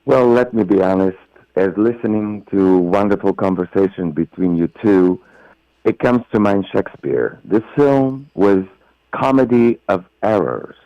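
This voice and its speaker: Middle-aged Bulgarian-accented actor, slow and emphatic, gushing praise, dry and muffled phone audio. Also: male voice, lowish voice, dry recording. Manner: effusive, emphatic, non-native phrasing. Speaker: actor guest. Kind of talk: phone interview.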